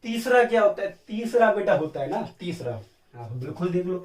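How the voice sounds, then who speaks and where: A high-pitched man lectures on chemistry, posing questions and then answering them in the students' place, repeating each key term like a call and response. His voice sits back from the mic in a roomy, echoing space. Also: very animated, a little fast, distant mic. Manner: calls listeners beta and sir. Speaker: chemistry teacher. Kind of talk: classroom lecture. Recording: echoey room, voice from off-mic.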